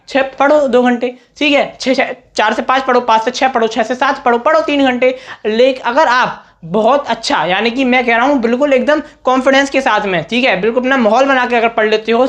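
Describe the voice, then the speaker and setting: A man's voice: extremely high pitch, a bit bright. A young man teaching students at a whiteboard, talking in a direct, coaching way and often checking in with "okay". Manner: direct, coaching tone, frequent "theek hai" check-ins. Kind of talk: whiteboard study-tips lesson.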